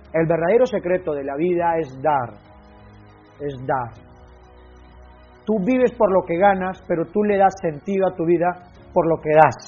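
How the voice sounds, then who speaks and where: A man drives a motivational talk with passion, hammering his key phrases twice over. His voice sits high and sounds husky. The recording is slightly muffled, with a faint music bed underneath. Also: a little mellow. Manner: impassioned, repeating key phrases. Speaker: motivational speaker.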